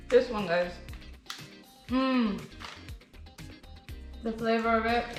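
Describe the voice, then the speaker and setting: A woman's voice: high voice, fairly bright tone. A woman reviewing snacks in a casual vlog, gushing and bubbly, saying "like" and "guys" constantly and dropping in Spanish phrases. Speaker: food reviewer. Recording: echoey room.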